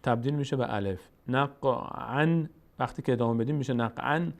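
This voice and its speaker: A man's voice: medium pitch, creaky, darkish tone. Patient Tajik man teaching recitation rules. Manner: patient, repeats words slowly to demonstrate pronunciation. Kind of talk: explanatory lesson.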